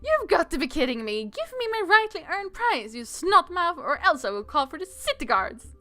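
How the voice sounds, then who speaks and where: A woman's voice: extremely high pitch, big pitch swings, moderate pace, sharp tone, faint music behind, voice pushed up, full character voice. A woman voicing a headstrong, impulsive young princess from a visual novel game, brash and indignant. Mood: angry.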